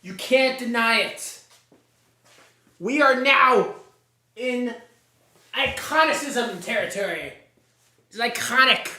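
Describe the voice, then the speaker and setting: A man's voice: extremely high pitch, slow pace, pauses often, sharp tone. A man hosting a livestream, repeating catchphrases in a mock sportscaster hype. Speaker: livestream host. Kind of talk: hyped live tier-list commentary. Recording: echoey room.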